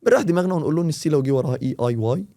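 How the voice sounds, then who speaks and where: A man with an Egyptian Arabic accent, a teacher talking in a casual podcast and explaining with quick, animated examples. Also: a little high. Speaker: English teacher, podcast guest.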